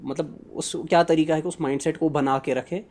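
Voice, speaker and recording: A man's voice: fairly high pitch, steady tone, moderate pace, a little mellow, a little hiss or hum. A man hosting an interview podcast, asking long, wandering questions in a conversational way and slipping in English phrases. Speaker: podcast host.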